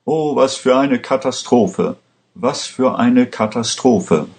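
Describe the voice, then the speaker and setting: A man's voice: medium pitch, slow pace, a little mellow, pitched above the performer's own voice. A man doing a despairing old father.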